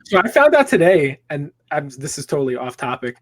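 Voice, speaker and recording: A man's voice: fairly high pitch, very animated, a little fast, a bit bright. A man co-hosting a casual comic-shop podcast, joking as he leads the group through the news. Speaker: podcast co-host. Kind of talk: casual chat.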